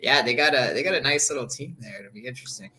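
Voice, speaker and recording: A man's voice: mid-range voice, lively intonation, fast talker, pushed and bright. A man co-hosting a casual sports talk show, hesitant and often repeating words.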